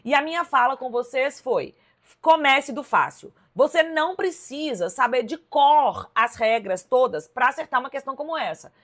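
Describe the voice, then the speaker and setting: A Brazilian woman teaching a live online class, correcting exam questions in a lively, emphatic way and talking straight to her viewers. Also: high voice, normal speed. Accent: Brazilian Portuguese. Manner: lively, emphatic, addresses viewers directly with "ó" and "tá vendo?". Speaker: Portuguese teacher.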